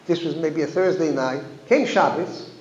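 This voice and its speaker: A man with a high voice tells a story at a gathering, circling back on his words and mixing in Yiddish phrases. He speaks as a rabbi addressing a congregation in a synagogue hall. The sound is muffled and lo-fi, with a roomy echo. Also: normal speed, a little mellow. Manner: anecdotal, with frequent restarts and Yiddish phrases. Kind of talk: storytelling talk at a community gathering. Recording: echoey hall, dull lo-fi sound.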